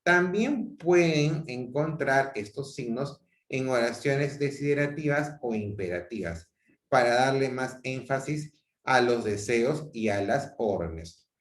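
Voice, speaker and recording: Male teacher on a video call, mid pitch, roomy echo, explains patiently and repeats himself. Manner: explanatory, repeats himself and self-corrects often. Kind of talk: online grammar class. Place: home room on a video call. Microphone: video call mic.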